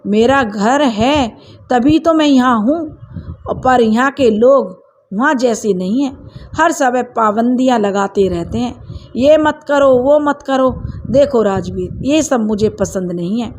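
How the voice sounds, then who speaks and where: Lady reading out a stuck-up young bride, cold and curt, kinda high voice. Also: animated, slow pace, a little mellow. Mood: dismissive. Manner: dismissive, curt. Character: proud spoiled young bride, sulky and cold.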